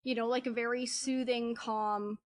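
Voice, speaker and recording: A woman dog trainer who is a guest in a casual conversation, chatty and animated as she tells stories. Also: fairly high pitch, moderate pace.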